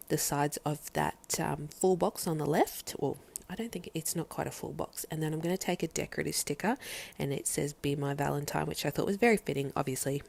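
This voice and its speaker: Low-voiced, slightly breathless pregnant woman. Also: vocal fry, a little mellow. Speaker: planner vlogger. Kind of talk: casual craft tutorial narration.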